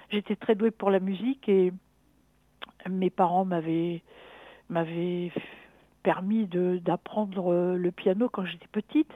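Middle-aged lady caller, thinking out loud, halting, phone-like sound. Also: on the low side, dry recording. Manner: reflective, halting, thinking aloud. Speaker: caller consulting a dream analyst. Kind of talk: hesitant personal conversation. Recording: tinny narrow phone line.

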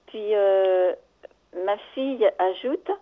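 Older woman calling in over a tinny phone. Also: medium pitch. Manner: halting, searching for words, shaken. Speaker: radio caller. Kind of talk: recounting a dream on call-in radio. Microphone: telephone.

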